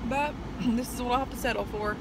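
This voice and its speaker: A woman vlogging casually in halting, rambling phrases, chewing as she talks. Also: a little high, fairly even intonation, heavy background noise. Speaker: vlogger, nursing assistant. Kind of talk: casual chatty mukbang vlog.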